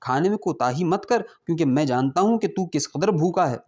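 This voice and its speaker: A man's voice: on the high side, animated, a little mellow. A man voicing a lavish, mocking rich host who insistently presses food on his guest. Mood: coaxing. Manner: insistent, coaxing.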